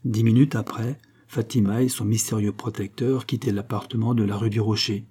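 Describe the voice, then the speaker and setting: Low, husky male audiobook narrator. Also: fairly even intonation, warm tone. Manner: measured, dramatic storytelling.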